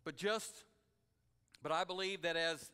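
A male pastor preaching a sermon, folksy and conversational, building to shouts. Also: a little high, steady tone, unhurried, smooth. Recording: long hall reverb.

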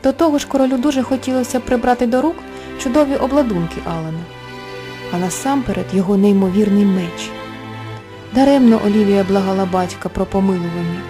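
A woman narrating a bedtime fairy tale in a gentle, expressive storytelling manner. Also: mid-range voice, fast. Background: soft background music.

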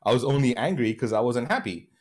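A man in his thirties from Bahrain speaks in a mid-range, husky voice with a darkish tone, talking fast and with animation. He's a podcast guest on a video call from home, earnestly reflecting in an interview-style conversation, often laughing and restarting his sentences.

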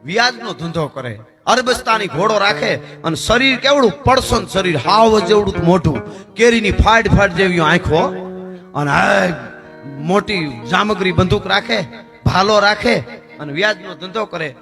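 A man's voice: high voice, lively intonation, a little slow. A man with a Kathiawadi Gujarati accent, telling a folk story in dayro style with dramatic, rhythmic recitation. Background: guitar music.

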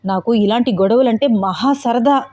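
Brief: fearless young hero, unhurried and taunting, woman storyteller reads him. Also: on the high side, warm tone, lightly acted. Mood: coolly mocking. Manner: cool, mocking, unhurried. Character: calm fearless young man, mocking fighter.

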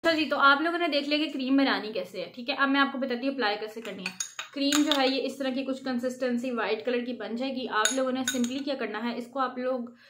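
A woman's voice: sits high, quick pace, a bit bright, a little hiss or hum. A woman giving a chatty, instructive home skincare tutorial, often checking in with her viewers. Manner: chatty, instructive, frequent "theek hai" check-ins. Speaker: beauty vlogger. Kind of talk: casual how-to vlog.

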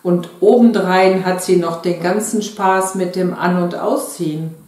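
Brief: chatty, eager wife in a storybook, as a woman reads her, low and slow, very echoey room. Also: fairly even intonation, a little mellow, close to an everyday voice. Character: eager middle-aged wife sewing doll dresses.

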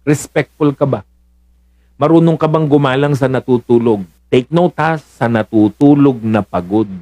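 A man's voice: medium pitch, moderate pace, warm tone, no echo. A man preaching a sermon, joking and chuckling often and mimicking voices of the people in his stories. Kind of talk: sermon with jokes.

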